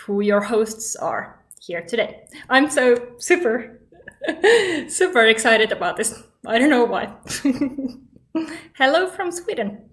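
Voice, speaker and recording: A woman from Finland opens a live web panel as host, sounding upbeat and a little giggly with some hesitation. She talks at an unhurried pace in a slightly high voice. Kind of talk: live online panel introduction.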